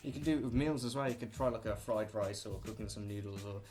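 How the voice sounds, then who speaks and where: Rambling, jokey British man, lowish voice. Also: fast, darkish tone, a little hiss or hum. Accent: British English. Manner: rambling, offhand and jokey, trailing asides. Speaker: vlogger. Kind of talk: casual listicle monologue.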